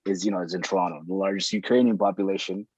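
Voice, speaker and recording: Man, very deep voice, husky tone, dull lo-fi dry recording, thinks aloud, restarts phrases. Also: steady tone, racing, darkish tone, dry recording. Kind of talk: casual conversation.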